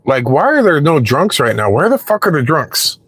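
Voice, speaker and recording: A man's voice: on the high side, sing-song, normal speed, fairly bright tone, husky, dry recording, clean studio sound. A man chatting casually with his live-stream viewers while waiting for rides in his parked car, rambling and swearing freely.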